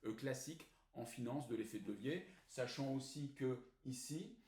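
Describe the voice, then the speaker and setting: A man explains a formula in a recorded lesson, working methodically and filling his pauses with hesitant sounds. His voice sits at an ordinary middle pitch. The room echoes around him, with a faint hiss of noise behind. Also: a little mellow. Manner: methodical, frequent hesitant fillers. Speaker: finance teacher.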